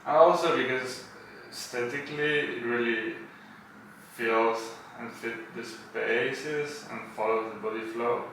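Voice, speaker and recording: An Argentine tattoo artist from Buenos Aires, a podcast guest, chats in hesitant English, Spanish being his native language. His medium-pitched voice is unhurried, with a fairly bright tone. It's captured on a distant mic with roomy echo and faint noise.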